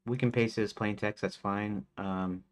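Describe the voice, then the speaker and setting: A game developer in his forties chats casually while live-streaming his work, using a lowish voice with fairly even intonation at normal speed. He rambles and hesitates, with plenty of fillers and restarts.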